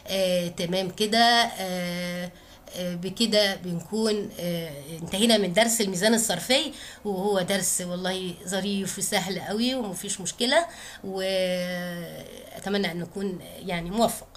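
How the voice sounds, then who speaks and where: A woman's voice: medium pitch, moderate pace, a little hiss or hum. A woman teacher with an Egyptian Arabic accent, giving a grammar lesson. She asks her pupils questions and praises their answers.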